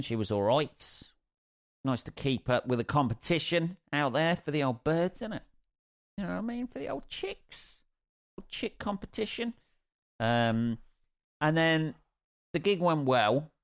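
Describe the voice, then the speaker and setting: On his own casual podcast, a young stand-up from Northampton, England, speaks in a mid-range voice, wandering through a sweary story with jokey asides. It's a dry, studio-quality recording.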